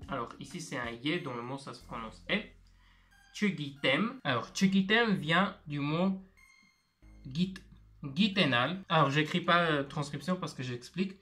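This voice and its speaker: Slow, patient male language teacher. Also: fairly high pitch, pushed and bright. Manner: patient, repeats words slowly for learners. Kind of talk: video lesson, explaining step by step.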